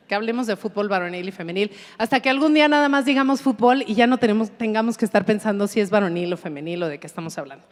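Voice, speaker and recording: A middle-aged woman with a Mexican accent moderating a live panel, enthusiastic and chatty with frequent fillers. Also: on the high side. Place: large hall on stage. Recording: long reverb of a large hall.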